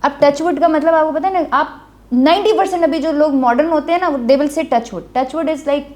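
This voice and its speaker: A woman's voice: sits high, a little mellow. A woman from Kashmir, a guest on a talk show and a former drama maker, telling chatty anecdotes. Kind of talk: casual talk show conversation.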